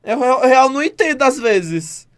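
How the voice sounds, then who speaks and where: A man's voice: very high-pitched, lively intonation, normal speed. Dramatic Brazilian man streaming live. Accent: Brazilian Portuguese. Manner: dramatic, teasing complaints with swearing. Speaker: streamer reacting to clips. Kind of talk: casual live-stream chat.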